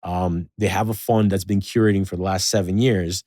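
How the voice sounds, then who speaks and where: Deep-voiced and speaking at a normal pace, a man rambles through a casual podcast conversation, full of fillers and lively storytelling. The sound is clean studio audio with no echo.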